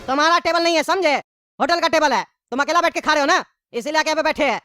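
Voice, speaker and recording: A woman's voice: high voice, bright, forceful tone, no room sound, clean studio sound, faint music behind. Woman voicing a hot-tempered cartoon husband. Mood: angry. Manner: rapid angry bickering. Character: hot-tempered grown man, quarrelsome husband and father. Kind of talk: cartoon voice acting.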